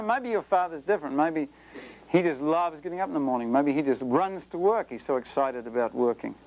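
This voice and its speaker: A man's voice: on the high side, darkish tone, highs cut off. A man preaching a sermon in an earnest, conversational way, now and then speeding up playfully.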